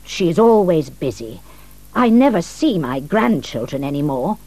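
A woman voicing a small, frank old Italian mother in a storybook reading, gently spoken. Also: deep voice, very animated, a little slow, dry recording, heavily acted. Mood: grumbling.

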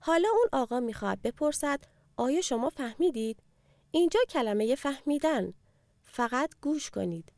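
A woman narrating a language course and clearly prompting the listener to repeat after the speaker. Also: high-pitched, animated, darkish tone, dry recording, clean studio sound. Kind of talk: scripted lesson narration.

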